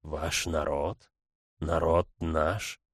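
A man voicing a confused demon in a storybook reading, speaking low, slow and halting. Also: little pitch movement, no room sound, studio quality, exaggerated voice. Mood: flat.

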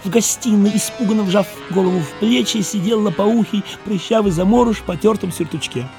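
A man narrating an audiobook in an expressive, theatrical way. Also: sits high, fairly quick, music in the background. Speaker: audiobook reader.

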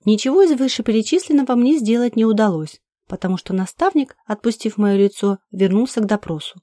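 Woman, audiobook narration, first person, clipped tense delivery, mellow voice, dry close sound. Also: on the high side, brisk, no room sound.

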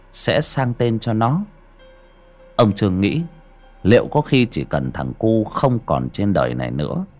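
A man narrating a horror audiobook with dramatic, suspenseful delivery. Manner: dramatic, swinging pitch for suspense. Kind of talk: scripted horror story narration.

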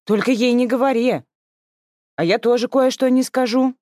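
A woman's voice: fairly even intonation, normal speed, mellow, dry recording, clean studio sound, close to an everyday voice. A woman voicing a cheeky, petulant sixteen-year-old girl in an audiobook. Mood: cheeky, whiny. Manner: petulant, shrill outbursts.

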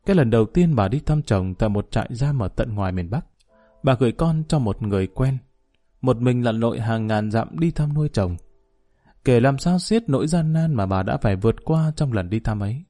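Brief: male storyteller, measured and somber, soft music underneath. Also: mid-range voice. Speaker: narrator. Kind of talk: scripted story narration.

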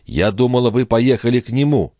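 A man reading an audiobook and voicing a distraught, indignant young noblewoman in an impassioned, pleading voice that rises toward shrill. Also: brisk, mellow, no echo, clean studio sound, natural voice. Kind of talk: audiobook character voice.

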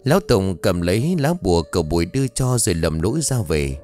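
A man narrating an audio story with expressive storytelling. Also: sits low, fairly quick, soft background music.

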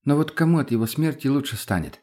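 A man voicing a thoughtful, reasonable young woman who talks in an earnest, gentle way. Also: medium pitch, lively intonation, quick pace, pitched above the performer's own voice, natural voice.

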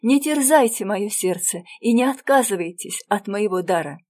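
A woman's voice: mid-range voice, animated, normal speed, a little mellow, close to an everyday voice. A woman voicing a remorseful young woman gambler in a storybook reading, pleading and earnest.

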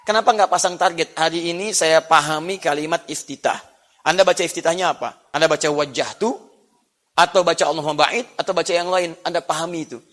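A man preaching a sermon to a congregation, animated and playful, often laughing and mimicking how others speak. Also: a little high, a little fast. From Indonesia.

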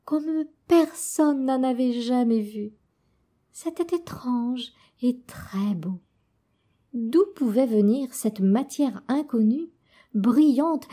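Conteuse à la voix douce et très lente. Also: female voice, sits high. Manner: slow, soft, expressive. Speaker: storyteller. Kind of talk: reading a children's tale.

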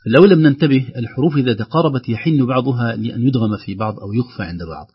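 A man teaching Quran recitation on a radio lesson, explaining calmly and slowly chanting verse examples. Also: medium pitch, breathy edge, muffled recording.

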